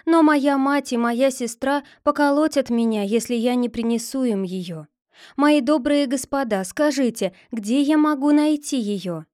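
A woman's voice: sits high, measured pace, darkish tone, dry recording, studio quality. A woman voicing a poor, timid young girl who pleads politely in a read-aloud fairy tale. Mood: pleading.

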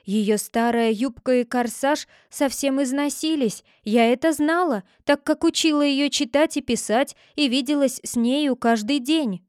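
A woman reading a storybook, voicing a gentle but stubborn poor shepherd girl. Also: high-pitched, measured pace, hardly any pauses, no echo, studio quality, voice pushed up. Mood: calm. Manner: quiet, calm, firm.

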